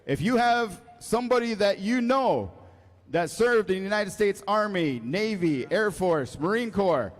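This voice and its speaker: A man working as a powwow emcee, announcing ceremonially to a live gathering, with drawn-out introductions and calls to the crowd. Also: high-pitched, animated. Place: large echoey indoor school venue. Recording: echoey hall PA with music.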